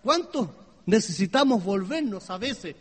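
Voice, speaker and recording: A man preaching a sermon, moving between hushed low passages and loud high exclamations and asking his listeners questions. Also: expressive, a little slow, husky. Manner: asks the congregation questions. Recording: long hall reverb.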